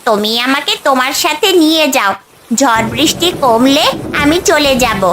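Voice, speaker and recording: A woman's voice: sits high, normal speed, a crowd in the background, lightly acted. A woman voicing an injured colorful bird that pleads for help. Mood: pleading.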